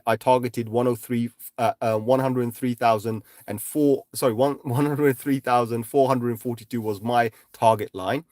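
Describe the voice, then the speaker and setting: A man at a middle pitch hosts a casual livestream chart walkthrough. He talks emphatically, in quick bursts broken by slower stressed points, and tags nearly every thought with "right?". The sound is dry and close, with no room around it. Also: darkish tone, dry recording. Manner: emphatic, repeats "right?" constantly. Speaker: crypto chart analyst livestreaming.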